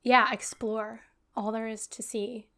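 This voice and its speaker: A woman's voice: on the high side, flat delivery, slow pace, vocal fry, a bit bright. A woman co-hosting a casual chat podcast with her brother, rambling and hunting for words with lots of ums. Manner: laughs often. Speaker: podcast co-host.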